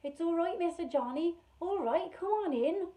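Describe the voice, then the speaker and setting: A woman's voice: on the high side, big pitch swings, moderate pace, dark tone. A woman reading aloud and voicing a kindly, motherly farmhouse woman who speaks soothingly. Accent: throaty non-Welsh.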